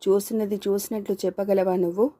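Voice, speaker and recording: A woman voicing a male public prosecutor who questions a child witness in brisk, coaxing tones. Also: mid-range voice, level tone, dark tone, no echo, close to an everyday voice. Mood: questioning.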